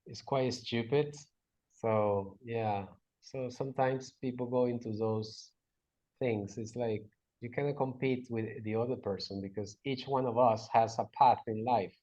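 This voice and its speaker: Through a dull, lo-fi recording comes a mellow, steady, mid-range voice that moves a little slowly. The speaker is a guest from Venezuela whose first language is Spanish; he answers in English hesitantly, with fillers, restarts and grammatical slips.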